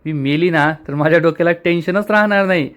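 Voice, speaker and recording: A man's voice: on the high side, brisk, fairly bright tone, clean tone, lightly acted. A man voicing an angry, scheming older woman in a storybook retelling, reading her lines in a scornful, quarrelsome manner.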